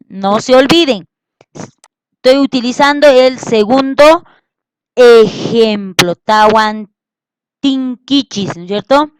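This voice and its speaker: A woman teaching a language lesson, slowly repeating words and often checking that her students follow. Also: a little high, clear, resonant tone, dry recording, poor audio. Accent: Peruvian Spanish. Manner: slow, patient, repeats words and checks understanding. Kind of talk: classroom lesson.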